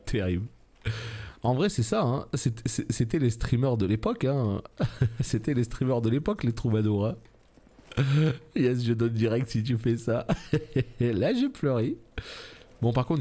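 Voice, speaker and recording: A man streaming a video game live, excitable, swearing and laughing often, his voice jumping high when the action gets tense. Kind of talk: live gameplay commentary.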